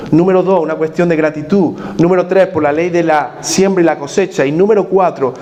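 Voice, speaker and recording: A man's voice: high voice, darkish tone, slight background noise. A man preaching a sermon as pastor in a church, putting questions to the congregation and repeating his key points.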